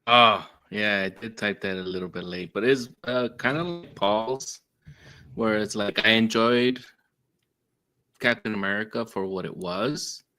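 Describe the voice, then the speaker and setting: A man's voice: lowish voice, unhurried, bright, forceful tone. A man talking casually as a guest, rambling with many "like"s and "um"s. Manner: rambling, lots of fillers like "like". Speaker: podcast guest. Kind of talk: casual chat.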